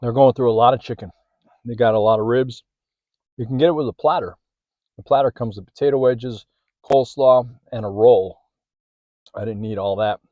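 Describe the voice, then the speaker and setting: A man's voice: medium pitch, normal speed, long pauses, dry recording, muffled recording. A man hosting a casual food vlog, chatting as he eats, sometimes with his mouth full, filming one-handed in a parked car. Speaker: food vlogger. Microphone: handheld phone or camera.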